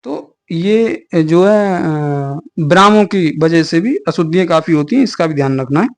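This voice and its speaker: High-pitched male teacher explaining patiently. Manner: explains patiently with many "ठीक है" and "अ" fillers; relaxed, chatty teaching with asides to students. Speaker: exam coaching teacher. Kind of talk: online class lecture.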